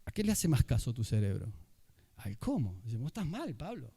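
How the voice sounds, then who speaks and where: Lively Argentine man speaking in a reverberant hall. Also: mid-range voice, moderate pace, vocal fry, breathy edge. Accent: Argentine Spanish. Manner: animated, humorous, acts out quoted dialogue. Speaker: conference speaker. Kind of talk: live conference talk. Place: large university lecture hall.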